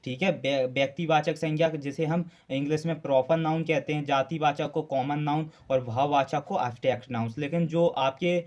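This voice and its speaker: His slightly high, darkish voice holds fairly even intonation at a moderate pace with few pauses. In this Hindi grammar lecture for exam students, he asks and answers his own questions, repeats key terms, and frequently says "uh."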